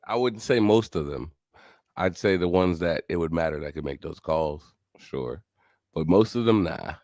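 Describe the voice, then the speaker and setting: A man's voice: low voice, lively intonation, normal speed, darkish tone, no echo, studio quality. A man co-hosting a casual stream, reacting to a clip in laid-back slangy banter.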